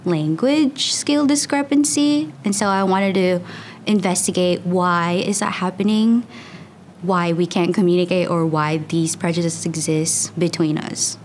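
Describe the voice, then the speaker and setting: Speaking at a measured pace in a lowish, slightly mellow voice, a young woman from the Philippines chats through casual interview answers. A student researcher whose first language is Tagalog, she leans on "like" as filler often, and a bit of background noise is audible.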